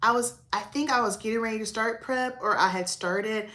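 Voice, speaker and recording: A woman's voice: a little high, moderate pace, pushed and bright. A woman from the South, chatting casually to livestream viewers, often breaking into preachy asides and calling them y'all. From American South. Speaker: makeup artist and livestream host. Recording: roomy echo.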